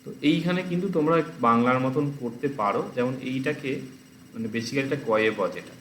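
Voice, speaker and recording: A man with a Bengali accent teaching a lesson, slowly reading words aloud one by one to drill their pronunciation. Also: medium pitch, lively intonation, a bit bright. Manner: slow, careful word-by-word pronunciation drills. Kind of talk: exam-prep lesson, reading word lists aloud. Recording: echoey room, faint background noise.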